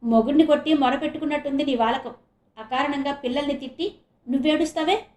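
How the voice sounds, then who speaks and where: A fed-up family man reasoning sternly with his wife and soothing his daughter, as a woman narrator plays him. The voice stays fairly high for a man and sounds roomy. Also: normal speed, a little mellow, natural voice. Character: exasperated middle-aged father and husband.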